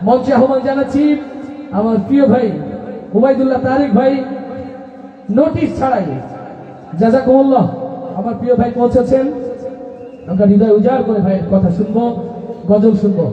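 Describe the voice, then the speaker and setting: A man announcing on stage at a religious gathering, calling out to the crowd in rousing, half-sung lines. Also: very high voice. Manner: sings lines, chants, calls out to the crowd. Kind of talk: rousing stage hosting with chanted calls. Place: outdoor religious gathering with loudspeakers. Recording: echoey outdoor PA sound, far off, dull.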